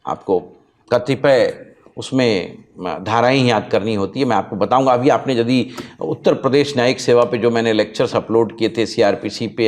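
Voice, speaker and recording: Speaking at a fairly low pitch, this man, a law teacher, presents a lecture-like channel introduction in which he emphatically stresses and repeats main points and spells out words one letter at a time.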